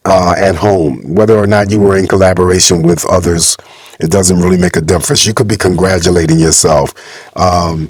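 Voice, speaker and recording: A man's voice: sits low, a little mellow, husky, no room sound. A man giving a casual tarot reading to viewers, his voice muffled by a lingering cold, speaking in an informal, conversational way. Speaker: tarot reader hosting a channel.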